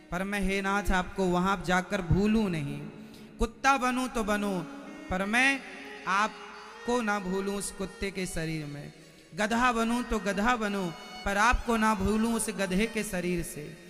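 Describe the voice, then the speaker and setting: High, bright-voiced man preaching slowly. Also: long reverb tail, soft background music. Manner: slow, emphatic, addresses listeners directly with questions. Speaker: preacher of religious storytelling. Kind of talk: devotional sermon with sung verses.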